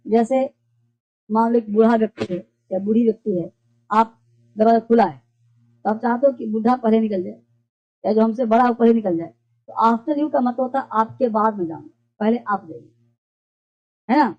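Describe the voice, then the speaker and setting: A woman's voice: fairly high pitch, moderate pace, long pauses. A woman teaching a basic English class, explaining phrases patiently and quizzing her students with repeated questions. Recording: dull lo-fi classroom recording.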